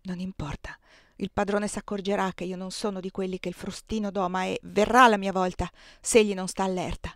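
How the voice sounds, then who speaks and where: A woman with a medium-pitched, slightly bright voice reads briskly and flatly, close to how she'd normally talk. The audiobook recording is dry and close with no echo. She plays an enslaved young husband, bitter and indignant, who speaks grimly of his master.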